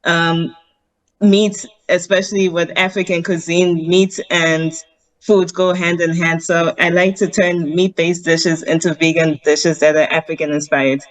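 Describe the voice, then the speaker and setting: Speaking from Harare on a video call, a woman who works as a vegan chef responds to an interviewer in a low, level voice at a measured pace. The recording is rough. She explains earnestly and methodically, saying um often.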